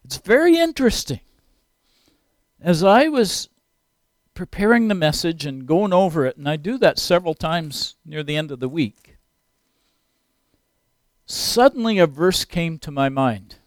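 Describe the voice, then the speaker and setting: A man's voice: a little high, expressive, unhurried, pauses often, no room sound, clean studio sound. A man in his sixties preaching a sermon, earnest and rising to emphatic peaks. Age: 60s.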